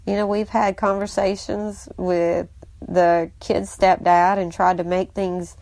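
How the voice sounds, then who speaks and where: A woman with a drawl tells family stories in a loose, chatty way, like a host giving advice to other stepparents. Her voice sits at a middle pitch and is recorded close, with almost no room sound. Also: slow, no room sound. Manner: chatty storyteller, animated when quoting the kids. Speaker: podcast host, stepmom. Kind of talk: casual advice monologue.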